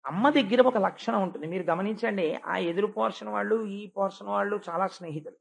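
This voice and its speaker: A man delivers a devotional sermon, recounting a sacred story as he moves between hushed and emphatic delivery, slowing down to stress key points. His voice is high-pitched and creaky.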